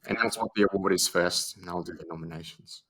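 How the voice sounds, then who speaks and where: A man's voice: low-pitched, quick pace, pushed and bright, breathy edge, rough recording. A man co-hosting a podcast as a mock awards show, playful and rambling, with many fillers. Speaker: podcast co-host.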